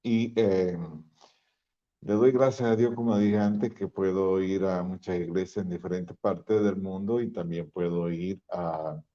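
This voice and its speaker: An older Venezuelan man, a pastor and guest speaker, shares his testimony in a folksy storytelling style with a Venezuelan Spanish accent. His voice is low and warm, with fairly even intonation and a slightly slow delivery, and the recording sounds dull and lo-fi.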